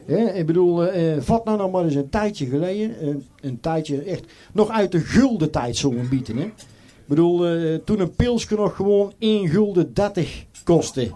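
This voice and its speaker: A man's voice: high voice, lively intonation, moderate pace, dark tone. A middle-aged man with a Brabant accent doing a carnival stand-up act in character as a doorman, chatty and joking with lots of fillers. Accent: Brabant Dutch. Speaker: carnival comedian.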